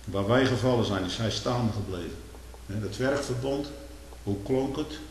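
In a reverberant hall with a slight background hiss, a preacher swings from hushed, deep-voiced stretches to booming, elongated proclamations and imploring questions.

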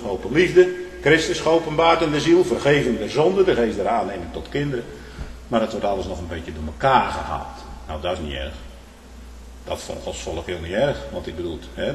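Male preacher, mid-pitched, earnest sermon, long church reverb, faint room noise. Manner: tags phrases with "hè", swings from loud emphasis to hushed. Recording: echoey hall with long reverb.

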